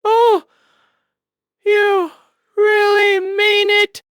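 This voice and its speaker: A man's voice: fairly low pitch, steady tone, takes it slowly, darkish tone, no room sound, clean studio sound. A man voicing a frightened young homeless girl who speaks in a small, trembling whisper. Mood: tearful.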